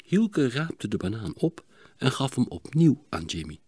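A man narrates a children's storybook in an expressive, varied way, his pitch moving a lot from line to line. The recording is dry and close, an audiobook read with no room around it. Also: measured pace, breathy edge, no room sound.

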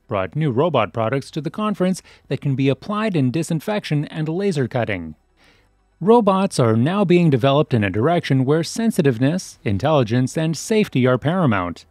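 A man reading a scripted news voice-over in a formal, even delivery. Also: a little high, no room sound, studio quality. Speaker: news narrator.

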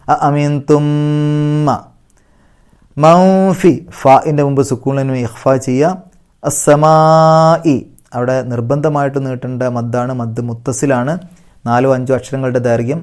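A man leads a tajweed lesson on recitation rules. He chants each short phrase slowly at a raised pitch, then drops into a lower, softer voice to explain the rule. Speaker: Quran recitation teacher.

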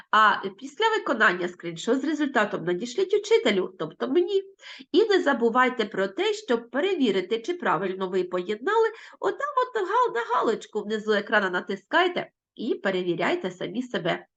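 A woman's voice: a little high, fairly bright tone. A Ukrainian woman teacher giving an online lesson to children, explaining patiently and asking them questions. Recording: dull lo-fi audio.

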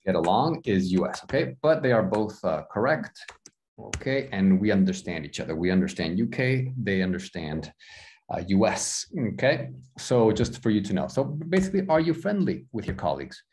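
A man with an American accent teaching an online English class on a video call, gently correcting students and repeating phrases. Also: lowish voice, sing-song, normal speed.

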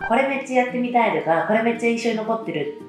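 A woman's voice: a little high, lively intonation, very fast. A woman conducting a casual audition interview, asking questions and giving frequent short acknowledgements. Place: small indoor meeting room. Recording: echoey room, music behind.

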